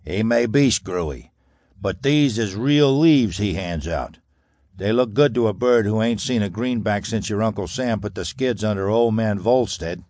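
A guy playing a shrugging small-time gunman, offhand tough-guy slang, lowish voice. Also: measured pace, a little mellow, no echo, clean studio sound, lightly acted. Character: small, careless gunman who loves gunplay. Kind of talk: audiobook character voice.

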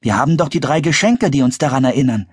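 A man voicing a curious, excitable young boy in a storybook audiobook, speaking urgently in a raised voice. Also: mid-range voice, fast talker, husky, dry recording, studio quality, pitched above the performer's own voice. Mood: excited.

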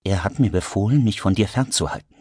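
A man's voice: lowish voice, expressive, quick pace, darkish tone, slightly rough, no room sound. A man voicing a guilt-ridden young man in an audiobook, speaking urgently and pleadingly. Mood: pleading, tense. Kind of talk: audiobook character voice. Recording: dry studio recording.

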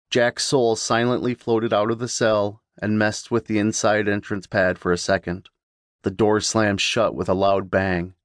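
A man reading a horror audiobook as narrator, in measured, even storytelling. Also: on the low side, no room sound, studio quality.

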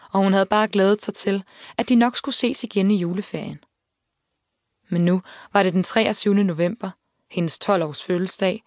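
A woman reading an audiobook in calm, measured narration, at a middling pitch. She is close on the mic in a dry, deadened room. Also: no echo. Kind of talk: scripted narration. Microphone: close studio mic.

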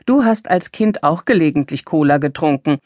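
A woman reading a relaxed, lenient grandmother. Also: deep voice, moderate pace, no room sound. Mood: easygoing.

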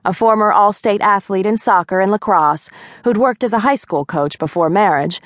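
A woman's voice: fairly low pitch, no room sound, studio quality. A woman narrating a novel in the first person, with wry, lightly comic storytelling. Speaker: audiobook narrator.

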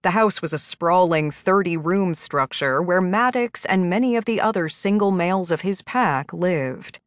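A woman narrating a romance audiobook in an even, measured reading. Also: lowish voice, no echo, studio quality.

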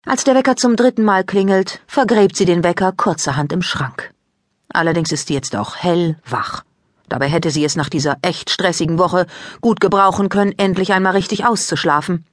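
A woman narrating a children's audiobook in a calm, even storytelling manner. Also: fairly low pitch, moderate pace, dry recording, clean studio sound.

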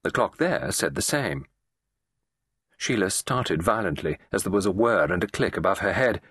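A man reading a classic mystery as an audiobook narrator, measured and expressive. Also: lowish voice, slightly rough, no room sound, clean studio sound.

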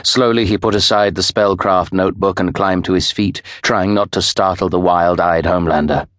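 A man giving measured, expressive scripted narration of a novel for an audiobook. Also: low voice, no echo, clean studio sound.

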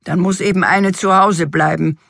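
A woman's voice: lowish voice, animated, slow pace, a bit bright, slightly rough, no echo, exaggerated voice. A woman voicing a dry, matter-of-fact royal court marshal in a storybook reading.

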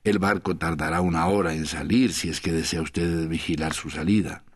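A man's voice: low voice, normal speed. A man voicing a weary, lonely middle-aged foreigner in an audiobook, talking in a rambling, sighing, pleading way. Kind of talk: audiobook character voice.

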